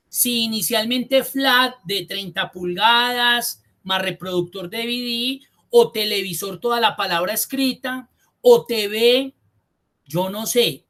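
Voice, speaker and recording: This spreadsheet course instructor has a very high-pitched, fairly bright voice. Teaching his online class, he explains things step by step, thinks aloud and goes back over the important points.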